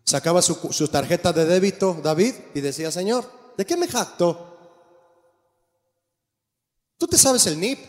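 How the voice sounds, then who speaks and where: A man preaching a sermon as pastor, animated and asking the congregation questions. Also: high-pitched, moderate pace. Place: church. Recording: long church reverb.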